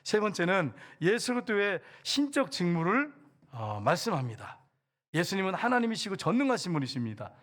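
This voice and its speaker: A man preaching a sermon as a church pastor, animated, with loud exclamations and quiet asides. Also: high voice, brisk. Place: church sanctuary.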